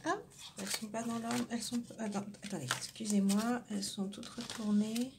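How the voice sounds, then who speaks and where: A woman's voice: a little high, steady tone, moderate pace, creaky, noisy background. A woman doing an intuitive card reading for her viewers, hesitant and searching for words, often dropping into a whisper. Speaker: tarot card reader.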